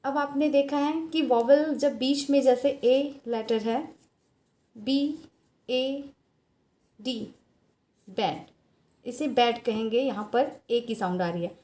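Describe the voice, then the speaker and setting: Slow, patient Indian woman teacher. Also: high voice, dark tone. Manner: slow, patient explaining, spelling out letters. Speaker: English teacher. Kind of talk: phonics lesson for students.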